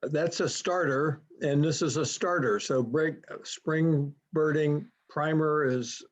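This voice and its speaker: A man with a slightly high, fairly even voice moderates a program on a video call, taking it slowly. He's easygoing and hesitant with many fillers in this casual chat, and the call audio is dull and lo-fi.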